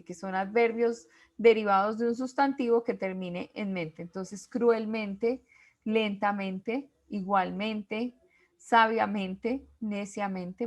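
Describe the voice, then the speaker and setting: Slow, deliberate woman teacher. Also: mid-range voice. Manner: slow, deliberate, reads out word lists. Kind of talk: online class lecture.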